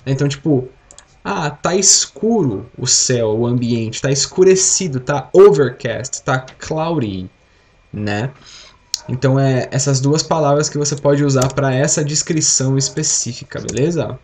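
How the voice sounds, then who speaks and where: With lively intonation and a moderate pace, a young Brazilian man leads an English lesson on a live stream. His mid-range voice is slightly mellow, his accent Brazilian Portuguese, and he patiently drills words while the class repeats after him.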